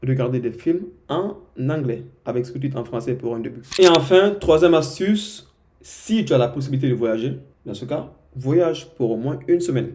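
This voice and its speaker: A man's voice: medium pitch, animated, normal speed, mellow, slight background noise. Casual young man giving tips. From Guinea. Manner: informal, repeats himself, many "ok?" asides. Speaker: vlogger giving language tips. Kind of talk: casual direct-to-camera advice.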